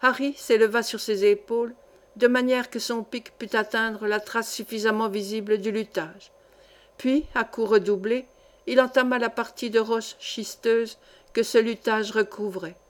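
A woman reading a classic adventure novel aloud as an audiobook, measured and clear. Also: fairly high pitch, steady tone. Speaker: audiobook reader. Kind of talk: scripted novel narration.

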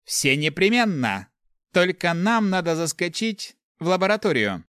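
A man's voice: high-pitched, sing-song, unhurried, fairly bright tone, clean tone, no echo, clean studio sound, voice pushed up, exaggerated voice. A man voicing a playful young male thief who teases and makes grand speeches. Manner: teasing, grandly theatrical.

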